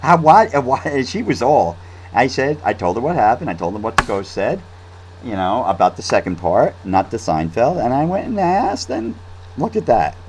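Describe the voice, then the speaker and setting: A man's voice: medium pitch, very animated, moderate pace, slight background noise, rough recording. A man telling a story in a casual, rambling monologue, with restarts and fillers. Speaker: vlog host.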